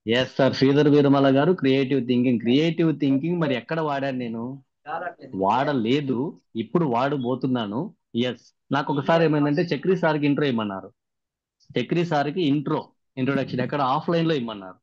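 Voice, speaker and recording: A man's voice: medium pitch, fast, a little mellow, dry recording. Man quizzing trainees over a muffled call. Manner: keeps quizzing participants. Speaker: workshop trainer. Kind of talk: recap of a training session. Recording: dry, muffled video-call audio.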